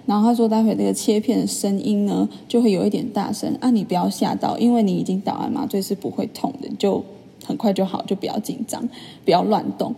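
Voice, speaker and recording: A young woman chats through a story for her vlog, full of fillers and animated asides. Her voice is mellow and husky with a gravelly edge of fry. A long reverb trails after her words. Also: mid-range voice, fast talker. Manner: chatty, animated retelling with many fillers. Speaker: vlogger. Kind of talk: casual storytelling monologue.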